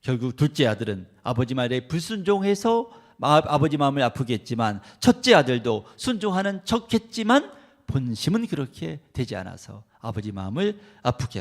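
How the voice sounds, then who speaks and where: Gravelly pastor preaching with dramatic swings. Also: male voice, mid-range voice. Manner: dramatic, acts out quoted voices, swings from soft murmurs to raised pleading. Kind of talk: sermon. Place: church sanctuary.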